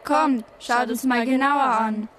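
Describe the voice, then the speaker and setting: A proud marble goddess of victory, played by a woman, with a clearly high voice. She is vain and theatrical, speaking in an audio play with faint background noise. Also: steady tone, slow pace. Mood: proud, boastful. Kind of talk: educational audio drama.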